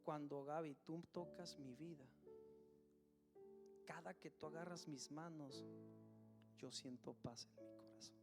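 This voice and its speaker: A man voicing a tearful, drunk young woman who pleads and then speaks softly, as part of a sermon testimony. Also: a little high, steady tone, a little slow, long pauses, music in the background, voice pushed down. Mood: tender.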